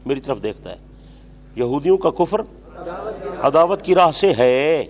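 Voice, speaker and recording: A religious teacher, lecturing a class, repeating phrases slowly for dictation and scolding students brusquely. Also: male voice, fairly high pitch, darkish tone, slight background noise. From Pakistan.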